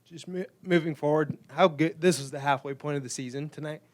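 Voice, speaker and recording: A man reporter at a press conference, halting and rephrasing as he asks his question. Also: fairly high pitch.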